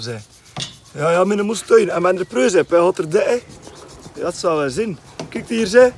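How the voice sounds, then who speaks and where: A man's voice: high voice, a little hiss or hum. Chatty West Flemish young man vlogging. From West Flanders. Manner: chatty, with frequent filler tags. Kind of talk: casual vlog chat. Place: outdoors and at home.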